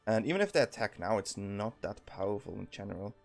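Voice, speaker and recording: Soft music plays in the background as a young Swiss-accented man chats casually through a card game, thinking aloud with many ums and self-corrections. He talks fast, with a fairly low, creaky voice and lively intonation.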